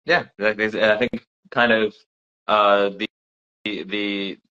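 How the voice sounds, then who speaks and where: A young man hosts a casual livestream chat in a bright, somewhat low voice. He talks loosely, restarting and repeating words, and his sound comes through muffled lo-fi stream audio. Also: fairly even intonation, takes it slowly, smooth. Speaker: singer-songwriter hosting a livestream.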